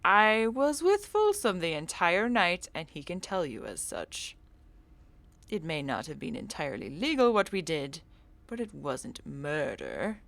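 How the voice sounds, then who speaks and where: A woman's voice: low-pitched, very animated, normal speed, creaky, no room sound, pitched below the performer's own voice, exaggerated voice. A woman voicing a sly, theatrical male cultist in a game, with polished, mock-formal phrasing. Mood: pompous.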